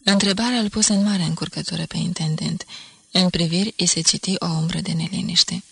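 Woman reading an audiobook, calm and measured, low voice, dry studio sound. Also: vocal fry, breathy edge, no room sound. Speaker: audiobook narrator. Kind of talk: scripted narration.

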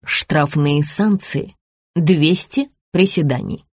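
A woman voicing an enchanted slimming belt that announces penalties in a slow, monotone drone. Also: sits low, dry recording, pitched below the performer's own voice. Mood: droning. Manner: droning, monotone.

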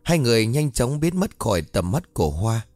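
A man narrating a dramatic story in a steady, measured way. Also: mid-range voice, no room sound, faint music behind.

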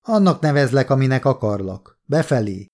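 A man reading an audiobook, voicing a gruff, scornful male partisan commander who talks in blunt, mocking orders. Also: mid-range voice, sing-song, a little mellow, natural voice.

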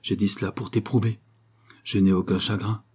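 A man's voice: lowish voice, flat delivery, moderate pace, a little mellow, husky. A man playing a troubled middle-aged painter father, talking lightly and reassuringly over his strain.

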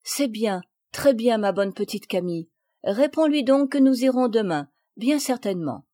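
A woman voicing a gentle mother who praises her daughter tenderly. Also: a little high, expressive, normal speed, close to an everyday voice. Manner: warm praise.

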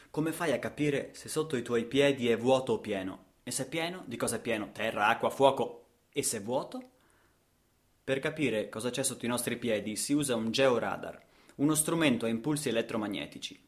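A male actor performs a radio theatre monologue in a medium-pitched voice, speaking a little fast. His storytelling is dramatic and rhythmic, full of repetitions and rhetorical questions.

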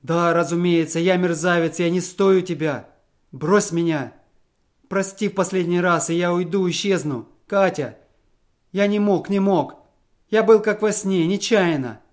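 A man voicing a ruined gambler husband, loud and anguished, pleading and self-pitying in a storybook reading. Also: high-pitched, animated, slow, pitched above the performer's own voice. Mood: desperate.

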